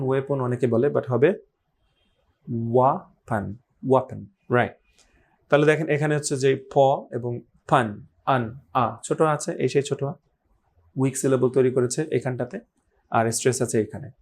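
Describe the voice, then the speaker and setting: A man, teaching English pronunciation and patiently repeating example words slowly. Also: medium pitch, a little mellow. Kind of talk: explanatory lesson.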